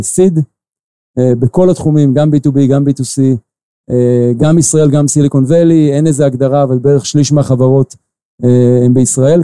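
Halting Israeli man, dark smooth voice. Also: mid-range voice, dry recording. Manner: halting, many filler pauses. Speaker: investor guest. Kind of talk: interview answers.

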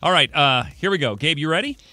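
A man's voice: a little high, expressive, quick pace, sharp tone, dry recording. An American man hosting a morning radio show with playful, teasing banter and phone interview questions. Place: radio studio.

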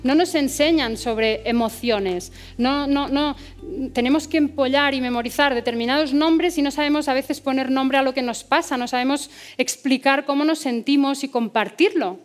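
Una mujer psicóloga con acento de España que da una charla motivacional con tono serio y preguntas retóricas. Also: female voice, sits high, normal speed, few pauses, soft background music. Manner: earnest, rhetorical questions. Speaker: psychologist giving a talk. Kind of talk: motivational talk.

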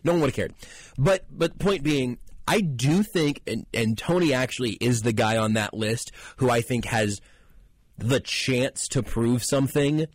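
A man on sports radio with a husky voice and dry, close sound. He spins his theories wryly and with mock intrigue. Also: medium pitch, unhurried, no room sound. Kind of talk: casual sports talk.

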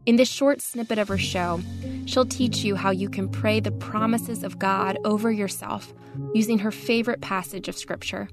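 A woman's voice: mid-range voice, fairly even intonation, normal speed. A woman producer delivering a scripted podcast introduction in a friendly, polished announcing manner. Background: music.

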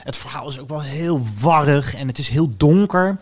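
A man's voice: on the high side, moderate pace. A man co-hosting a podcast about TV series, chatting casually and giving opinionated, descriptive reviews. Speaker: podcast co-host.

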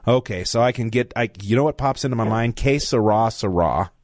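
A man's voice: mid-range voice, fairly quick, a little mellow, no room sound, studio quality. An older man guest hosting a talk radio show, chatting in a rambling way with asides. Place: radio studio. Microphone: studio mic.

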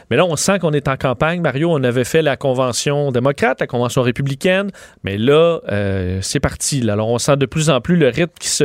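A man's voice: on the high side, dry recording, clean studio sound. A man with a Québécois French accent, co-hosting a radio news chat in a conversational way with frequent fillers. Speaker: radio co-host.

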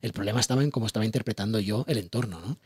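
A man with a Spain Spanish accent, talking as an author being interviewed, chatty and animated, often asking rhetorical questions. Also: on the low side, rapid-fire, breathy edge, no echo, studio quality. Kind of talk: casual explanatory interview talk.

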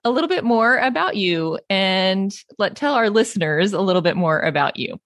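A woman hosting a faith podcast who laughs easily and reads scripture aloud slowly and deliberately. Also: medium pitch, lively intonation, fairly bright tone, no echo, clean studio sound. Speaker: podcast host. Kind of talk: warm conversational podcast and scripture reading.

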